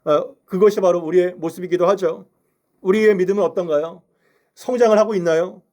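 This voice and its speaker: Male pastor, sermon delivery, fairly high voice, earnest rhetorical questions to the congregation. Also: fairly even intonation, fairly quick, a little mellow. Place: church sanctuary.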